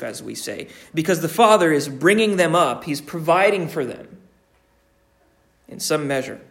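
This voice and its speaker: A man preaching a sermon slowly and deliberately, often restarting his phrases. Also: fairly high pitch. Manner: slow, deliberate, with frequent restarts.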